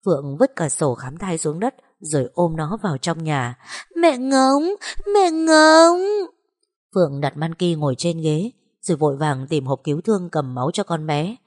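A woman narrating a drama story in a steady, even way. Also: sits low, normal speed, few pauses.

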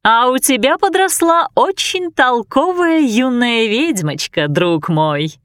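Lady doing a sly witch, slow, knowing, bit grim. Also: a little high, lively intonation, fairly bright tone, dry recording, pitched above the performer's own voice. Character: shrewd, sharp-eyed witch sister Lucinda.

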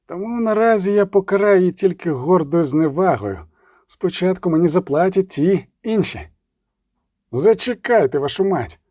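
A man's voice: high voice, sing-song, normal speed, warm tone, no echo. Man acting burly male thug, storybook, crude, vengeful, snarling, dry close sound. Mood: angry.

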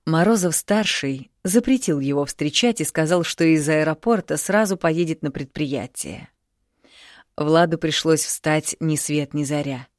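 A woman reading a novel aloud as audiobook narrator, calm and even. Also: deep voice, measured pace, no echo, studio quality. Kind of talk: scripted narration.

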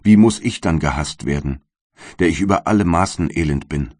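A monstrous giant creature speaks with bitter, solemn reproach, voiced by a man in a storybook reading. The voice sits very deep. The sound is dry and close. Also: moderate pace, darkish tone, dry recording. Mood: menacing. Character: hulking male creature, bitter and pleading. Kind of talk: audiobook reading.

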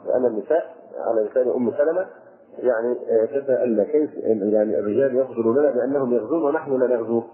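A man's voice: medium pitch, quick pace. A male Islamic scholar giving a religious lesson, explaining scripture line by line with fillers. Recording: tinny phone-like lo-fi recording.

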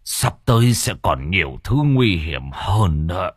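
A man's voice: sits low, sing-song, unhurried, husky, no room sound, studio quality, heavily acted. A man voicing an exhausted old exorcist in his seventies, murmuring faintly and out of breath, in an audio storybook. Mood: weary urgent. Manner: faint, weary whisper-like murmur.

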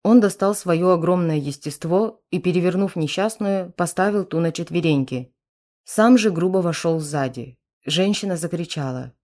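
A woman narrating an audiobook in a steady, dramatic reading voice. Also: fairly low pitch, normal speed.

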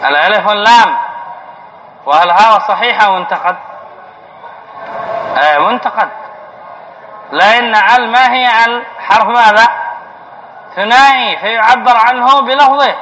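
A sheikh with a high, bright, forceful voice teaches Arabic grammar in a classroom at a moderate pace with long pauses. He poses questions to his students and answers them himself, captured on a dull lo-fi lecture recording with faint hiss.

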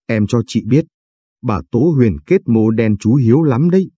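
A man voicing a mischievous teenage boy teasing his older sister in an audio story, playful and teasing, with a dark, husky voice. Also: mid-range voice, expressive, normal speed, dry recording. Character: cheeky teenage boy, mischievous little brother.

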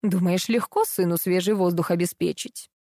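A woman's voice: lowish voice, steady tone, moderate pace, no room sound, clean studio sound. A woman voicing a domineering, scolding middle-aged mother-in-law in an audiobook reading. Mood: indignant. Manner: commanding, sharp, scolding.

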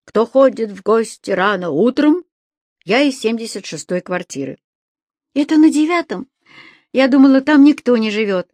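A frightened young schoolgirl, put on by a woman reader, squealing and begging in a high, strained voice. Her pitch jumps far above the reader's own. The sound is dry and close. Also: expressive, moderate pace, darkish tone, dry recording. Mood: pleading. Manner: panicky, squealing, pleading. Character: terrified young schoolgirl, jittery and shrill.

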